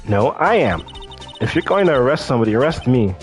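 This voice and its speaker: A man's voice: medium pitch, very animated, brisk, faint music behind, lightly acted. A man voicing an earnest, loyal young woman who speaks up firmly. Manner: earnest, pleading.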